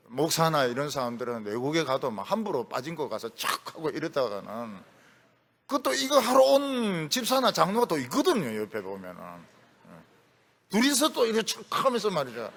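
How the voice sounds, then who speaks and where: A man's voice: on the high side, fairly bright tone. A middle-aged man preaching a sermon as a pastor, telling stories with humor and acting out quotes. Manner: storytelling with acted quotes and humor, voice rising and dropping sharply.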